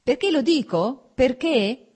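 A woman voicing a cold, stern middle-aged husband who speaks in a shrill, cutting, hurried way in an audiobook. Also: expressive, lightly acted. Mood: shrill anger. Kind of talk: audiobook role voice.

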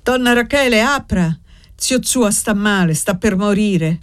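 A woman reading aloud, voicing a young servant woman who speaks in a flat, controlled, curt way. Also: mid-range voice, unhurried, dry recording, studio quality, voice pushed up, lightly acted. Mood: urgent.

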